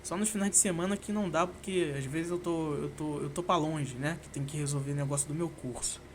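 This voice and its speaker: A young man from Brazil talks alone on his podcast in a loose, rambling way, tossing in swear words and slang fillers. His voice sits high for a man. A faint hum of background noise runs under the recording. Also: a little fast. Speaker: podcast host. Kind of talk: casual solo podcast monologue.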